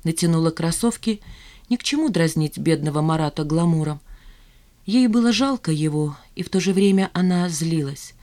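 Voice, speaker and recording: Woman narrating an audiobook, low-pitched. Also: animated, moderate pace, dark tone. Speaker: audiobook reader. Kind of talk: scripted narration.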